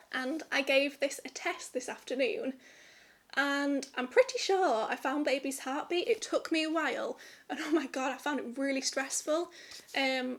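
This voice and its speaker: A young woman vlogging to camera in a candid, rambling, chatty way. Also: sits high. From United Kingdom. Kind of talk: casual chat to camera.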